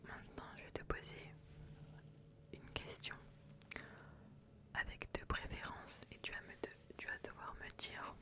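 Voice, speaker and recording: Whispering softly with no voicing, a female ASMR host leans close to the mic to pose personal questions for a personality-test roleplay. The slow, soothing delivery relies on repeated words and phrases.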